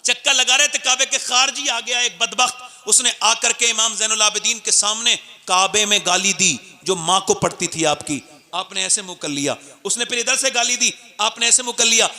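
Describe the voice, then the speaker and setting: A man preaching a sermon to a live audience, moving from calm storytelling to impassioned shouting and urging the crowd to call back. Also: sits high, normal speed, in a large hall. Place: religious gathering with a live audience.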